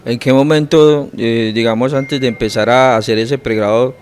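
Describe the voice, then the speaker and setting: A man's voice: medium pitch, fairly even intonation, normal speed, a little mellow, slight background noise. A man hosting a podcast, greeting viewers and asking his guest questions in a friendly, casual way. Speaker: podcast host. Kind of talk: casual interview.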